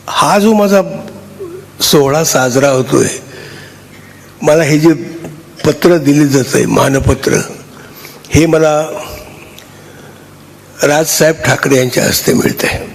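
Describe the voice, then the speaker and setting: Older man, gravelly, fairly high-pitched, halting stage speech. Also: a little hiss or hum. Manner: halting, restarts, warm and chatty with the crowd. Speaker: honoree giving a speech.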